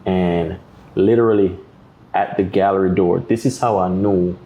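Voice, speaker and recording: A man with a Jamaican accent and a low voice speaks at a moderate pace, the recording's highs cut off. He's a guest artist on a podcast interview, an animated storyteller who acts out other people's voices.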